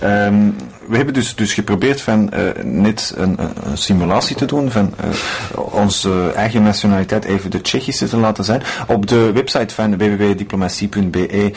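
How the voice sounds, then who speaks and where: Low-voiced, halting male radio host. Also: vocal fry, breathy edge. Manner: halting, repeats words while hunting for phrasing. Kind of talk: radio interview. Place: radio studio.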